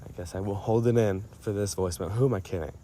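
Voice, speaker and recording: A man records a personal voice memo for a friend, telling stories in a rambling, casual monologue that is playful and self-mocking. He often cuts himself off and drifts from his thread. He talks fast in a warm, fairly low voice, with a little hiss or hum on the recording.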